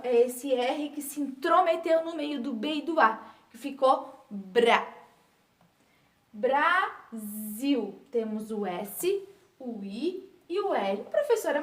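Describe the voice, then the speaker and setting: A woman schoolteacher talks to small children in a high, bright voice, slow and sing-song, stretching her words out. Her voice rings in an echoey small room. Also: expressive. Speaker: primary school teacher. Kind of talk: recorded remote lesson for young children.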